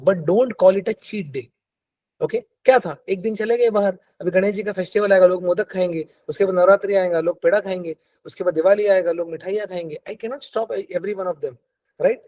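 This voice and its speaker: A middle-aged man with a slightly high voice coaches a live audience, sliding between Hindi and English. He acts out his clients' excuses in quick little voices as he makes his points. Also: warm tone. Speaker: fitness coach. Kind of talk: live masterclass talk.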